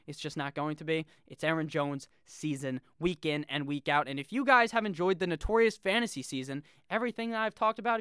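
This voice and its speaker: Brash, bright-voiced young man. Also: fairly high pitch, smooth, no echo, clean studio sound. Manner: brash and profane, jokey asides. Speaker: fantasy football video host. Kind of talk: casual solo commentary.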